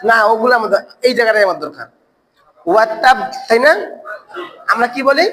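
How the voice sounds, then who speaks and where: A man's voice: very high-pitched, expressive, fast talker, pushed and bright, a little hiss or hum, poor audio. A man teaching an online Quran recitation class. He asks the learners questions, answers them himself and repeats words over and over to drill the pronunciation.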